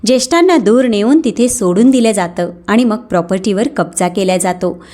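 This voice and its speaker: A woman reading a calm, wise woman adviser. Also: medium pitch, close to an everyday voice. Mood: calm concern. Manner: calm, measured.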